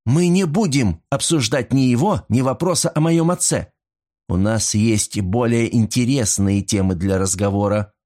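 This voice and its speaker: A man voicing a cold, scheming young woman who speaks in a deliberate, icy way, in a storybook reading. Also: medium pitch, darkish tone, close to an everyday voice. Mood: fiercely indignant.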